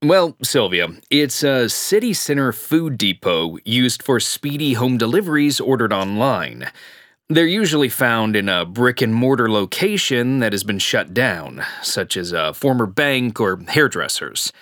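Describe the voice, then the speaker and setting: Actor as male radio expert guest: articulate, explanatory, mid-pitched with animated intonation, dry studio. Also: measured pace, no echo. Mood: informative. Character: informative, matter-of-fact male e-commerce expert radio guest. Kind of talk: scripted radio interview.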